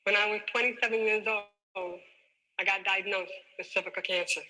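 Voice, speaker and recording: A woman's voice: medium pitch, fairly even intonation, normal speed, pushed and bright, low-quality recording. A woman in her forties gives a motivational talk, telling her life story in an emphatic, dramatic way. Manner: emphatic, dramatic, acts out her own past dialogue. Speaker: motivational speaker.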